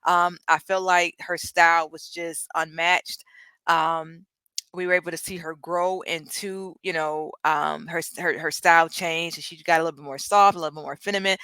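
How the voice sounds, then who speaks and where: A woman in her thirties co-hosts a casual hip-hop podcast, chatting with enthusiasm and plenty of ums. Her voice is bright and forward, recorded dry and close with no room sound. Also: on the low side, clear, resonant tone, no room sound, poor audio. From Detroit. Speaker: podcast co-host. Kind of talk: casual chat.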